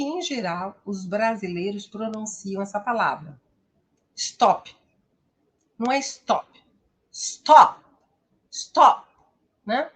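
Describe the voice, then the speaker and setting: A woman from Brazil teaching English pronunciation in an online lesson, slow and explanatory, often adding a questioning "né?". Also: medium pitch, sharp tone, husky.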